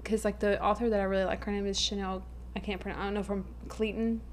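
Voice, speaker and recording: A woman's voice: medium pitch, flat delivery, fast, slight background noise. A young adult woman co-hosting a podcast, chatting casually and playing up her own drama. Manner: chatty, self-mockingly dramatic. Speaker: podcast co-host. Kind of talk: casual chat.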